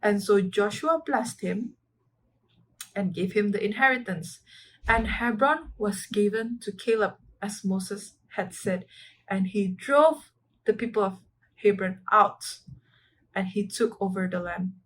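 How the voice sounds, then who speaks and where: A woman sharing a sermon at church. She talks earnestly, switches languages mid-sentence and keeps affirming her points with a quick "ya". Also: medium pitch, low-quality recording. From Indonesia. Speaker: church speaker.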